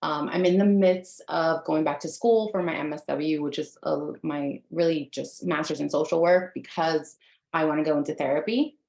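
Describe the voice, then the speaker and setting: A woman in her thirties from the United States, a native Spanish speaker, runs an earnest, conversational online workshop as a life coach, addressing her audience directly. Her voice is deep, creaky and darkish, with fairly even intonation at a moderate pace. The sound is reverberant.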